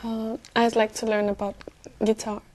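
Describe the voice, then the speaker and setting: A young woman from Brazil, an exam candidate speaking hesitantly with many fillers and pauses. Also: on the high side, monotone, darkish tone. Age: young adult.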